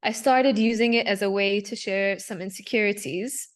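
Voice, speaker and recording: On a video call, a Palestinian digital artist who grew up in Dubai presents her work casually, filling pauses and correcting herself as she goes. She is a young adult woman and panel speaker whose medium-pitched voice moves at a moderate pace.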